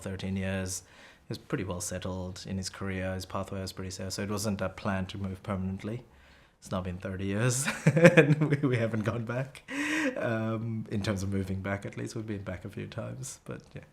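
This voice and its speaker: Deep, even-toned man in his thirties. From Bangladesh and South Africa. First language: Bengali. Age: 30s. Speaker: interviewee. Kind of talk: personal storytelling.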